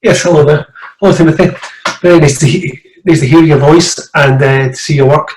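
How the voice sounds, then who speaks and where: A man's voice: fairly high pitch, steady tone, brisk, a little mellow, reverberant, rough recording. A man with a Glaswegian accent asking a question over a video call, hesitant with many fillers. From Scotland. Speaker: audience member asking a question. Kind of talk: casual chat.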